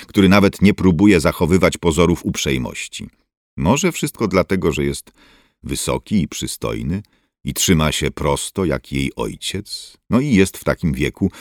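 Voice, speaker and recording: A man reading a novel aloud as narrator, expressive and measured. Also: extremely low pitch, no room sound, clean studio sound. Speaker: audiobook narrator. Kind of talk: scripted narration.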